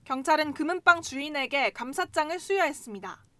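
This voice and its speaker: Female reporter, high register, scripted news narration, no room echo. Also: animated, fairly quick, a bit bright.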